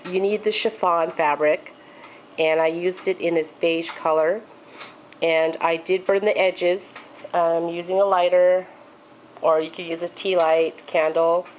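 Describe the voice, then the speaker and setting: Congested from allergies, a crafting tutorial host guides viewers through a handmade project in a relaxed, casual way, saying um and okay often. Her voice sits on the lower side and she keeps a measured pace, while a faint hiss runs beneath the rough recording.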